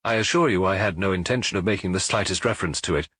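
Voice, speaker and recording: In an audiobook, a man voices a smug, eager police inspector who explains things in a pompous, formal way and comes across as self-important. His voice is low, fast, fairly bright and slightly rough, with no room sound.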